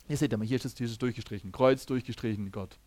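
A man giving a teaching sermon, talking lively, often checking in with listeners and acting out the people he quotes, with frequent restarts. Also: mid-range voice, racing, no room sound. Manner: restarts sentences and acts out quoted speakers. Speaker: preacher.

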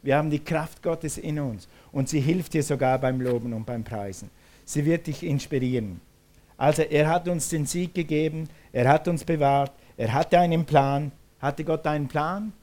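A man's voice: fairly high pitch, moderate pace, a little mellow. A man preaching a sermon, emphatic, repeating his phrases and calling on the congregation to respond. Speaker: pastor.

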